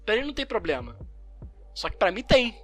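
A young Brazilian man in a casual chat, telling lively anecdotes and acting out the people in them. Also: sits high, fairly quick, faint music behind. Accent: Brazilian Portuguese. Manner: animated storyteller acting out the people in his stories. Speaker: podcast co-host.

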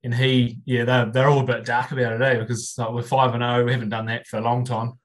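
A man's voice: medium pitch, flat delivery, fast. A man from New Zealand with a New Zealand accent, chatting casually as a guest on a podcast. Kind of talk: casual chat.

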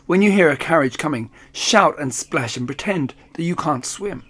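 A man's voice: fairly high pitch, animated, normal speed, fairly bright tone. A man voicing a cunning, bossy male talking cat in a storybook reading, purring and scheming. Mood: commanding.

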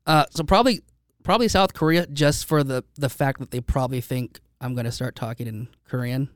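Chatty podcast host, smooth dry voice. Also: male voice, mid-range voice, fairly quick, no room sound. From United States. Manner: rambling, with many restarts and fillers. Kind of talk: casual chat. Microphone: studio microphone.

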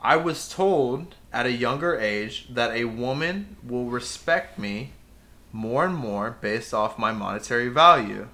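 A man with a bright, forceful voice rambles through a casual podcast chat, swearing freely. He riffs and circles back on his points, loose and animated. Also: medium pitch, unhurried.

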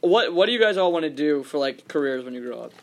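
Fast-talking teenage guy. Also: on the high side, lively intonation, a little hiss or hum. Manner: stammering, restarting questions. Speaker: podcast co-host. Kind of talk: casual chat among friends.

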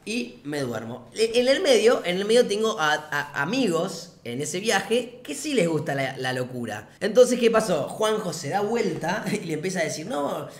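A man's voice: high-pitched, sing-song, normal speed, few pauses. A young man with a Rioplatense Spanish accent, telling a casual anecdote in a laid-back, slangy and profane way. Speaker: vlogger. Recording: echoey room.

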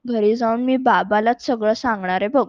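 A woman storyteller reading a children's storybook aloud in an expressive way. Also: on the high side, normal speed, no echo. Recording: dull lo-fi recording.

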